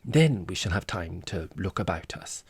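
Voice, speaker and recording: A man's voice: low-pitched, lively intonation, moderate pace, slightly rough, no echo, exaggerated voice. A man voicing an affected, self-important society woman in an audiobook, with airy, theatrical phrasing and Italian endearments. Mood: gushing. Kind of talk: audiobook character voice.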